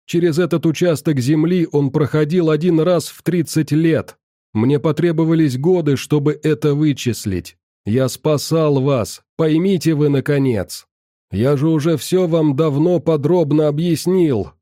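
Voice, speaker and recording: A man's voice: medium pitch, unhurried, warm tone, no room sound, clean studio sound, lightly acted. A man voicing an agitated middle-aged male scientist who argues defensively and insists he meant well. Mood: exasperated.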